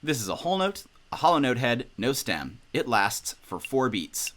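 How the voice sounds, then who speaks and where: A young man teaching a music lesson in an upbeat, instructional way. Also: normal speed. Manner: upbeat, instructional, lively pitch. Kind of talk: music tutorial.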